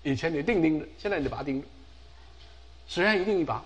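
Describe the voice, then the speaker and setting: Wise calm father in a sermon parable, voiced by the male preacher, gentle teaching tone, high and lively. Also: fast, crowd noise, lightly acted. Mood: patient. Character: wise patient father teaching his son.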